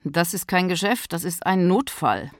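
A woman voicing a calm, formal, bearded Santa Claus in a storybook reading, unruffled and matter-of-fact. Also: on the low side, moderate pace, no echo, clean studio sound.

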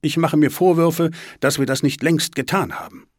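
A man voicing a calm, steady middle-aged father who speaks reassuringly in a storybook reading. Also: fairly high pitch, normal speed, no room sound, clean studio sound, pitched above the performer's own voice, natural voice. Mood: firm.

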